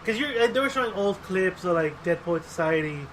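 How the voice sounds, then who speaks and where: This podcast co-host has a high voice and speaks a little fast, rambling casually and cursing freely. He acts out quotes as he spins his stories with animated energy. A faint hiss or hum runs under the audio.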